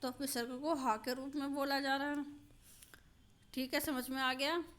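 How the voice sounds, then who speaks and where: A woman teaching a grammar lesson, slowly and patiently, repeating examples and checking that her students understand. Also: sits high, little pitch movement, a bit bright.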